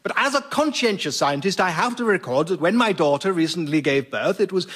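A man's voice: high voice, lively intonation, fairly quick, fairly bright tone, slightly rough, heavily acted. A man playing an older science professor, earnest and lecturing.

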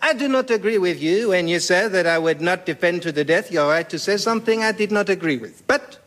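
A man's voice: high voice, brisk, a bit bright. A man playing a pompous Voltaire with an outrageous put-on French accent. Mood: grandiose. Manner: theatrical, grandiose. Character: pompous male Voltaire, showy philosopher.

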